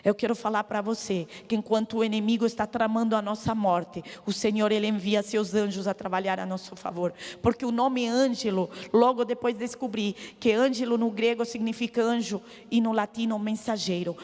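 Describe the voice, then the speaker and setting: Woman giving a church testimony in a reverberant hall. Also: on the high side. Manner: emotional storytelling, acts out dialogue; preaching appeal to the audience.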